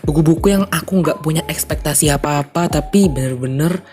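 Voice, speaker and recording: A man's voice: a little high, brisk, a little mellow, soft background music. A young man with an Indonesian accent and a congested, stuffy nose, chatting casually to viewers as a book vlogger and slipping in English phrases.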